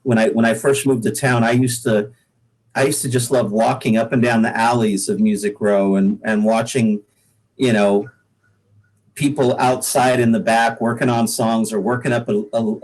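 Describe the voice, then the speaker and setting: A guest singer-songwriter from the Pacific Northwest of the United States chats casually on a podcast, rambling in a folksy way and repeating words as he goes. His mid-range voice is darkish, with fairly even intonation and a moderate pace, and the recording is rough.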